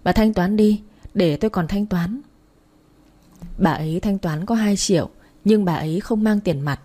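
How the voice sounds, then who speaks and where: A woman narrating a first-person story, plain and lively when she voices the quarrels. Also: mid-range voice, normal speed.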